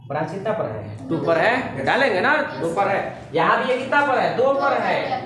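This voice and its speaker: A woman tutoring chemistry in a classroom lecture. She spells terms out letter by letter and keeps quizzing her students with quick check questions. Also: medium pitch, sing-song, crowd noise. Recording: very echoey classroom with students audible.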